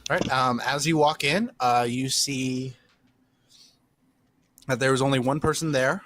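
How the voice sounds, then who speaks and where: A man narrating a tabletop game as game master, pausing often with ums while describing scenes. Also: medium pitch, fairly even intonation, fairly bright tone. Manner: hesitant, lots of ums and uhs while describing.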